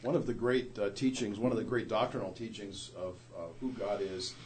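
A man's voice: lowish voice, steady tone, a little mellow, slight background noise. Preacherly male radio show host. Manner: measured, preacherly, hesitant with fillers. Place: radio studio.

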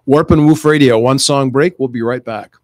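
A middle-aged or older man with a gravelly voice, hoarse from a cold, hosting conversational talk radio in a measured, explanatory way. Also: medium pitch, a little mellow, no room sound. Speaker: radio show host and educator. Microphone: close studio microphone.

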